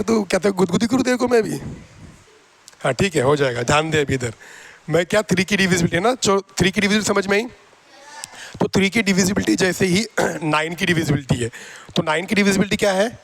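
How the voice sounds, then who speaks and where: A man's voice: high-pitched, animated, fairly quick. A man teaching a math class, teasing and coaxing his students as he goes. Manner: coaxing and repetitive.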